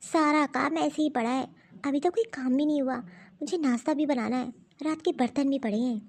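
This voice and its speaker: A woman voicing a mild, busy young daughter-in-law in an animated cartoon story, puzzled and often talking to herself. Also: high-pitched, moderate pace.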